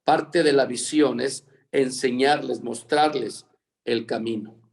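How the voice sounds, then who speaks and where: A man's voice: medium pitch, slow pace, vocal fry. A man teaching a Bible leadership lesson over a video call, dictating words for students to fill in and repeating them.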